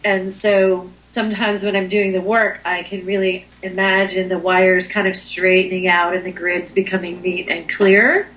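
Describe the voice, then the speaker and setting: A woman's voice: on the low side, flat delivery, moderate pace, hardly any pauses, fairly bright tone, low-quality recording. A woman being interviewed as a Reiki healer, talking in a hesitant way with many ums and restarts. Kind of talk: conversational interview.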